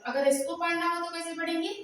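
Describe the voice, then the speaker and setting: A woman teaching a math lesson who keeps asking questions and answering them herself, drawing out formulas slowly as she dictates them. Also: very high voice, fairly even intonation, fairly bright tone, a little hiss or hum. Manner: slow, drawn-out dictation of formulas. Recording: very echoey room, voice from far off.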